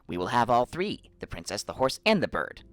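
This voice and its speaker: A man's voice: mid-range voice, wildly swooping pitch, fairly quick, fairly bright tone, no room sound. A man voicing a cunning old fox who gives wise, emphatic counsel in a storybook reading. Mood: firm, advising. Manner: instructing, emphatic.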